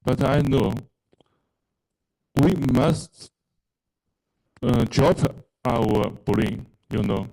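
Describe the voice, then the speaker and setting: A man from China gives a halting, earnest testimonial about his time in a spiritual program. His voice is low in brightness and gravelly with fry, and he speaks very slowly, pausing often on fillers. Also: poor audio. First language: Mandarin Chinese. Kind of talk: personal testimonial.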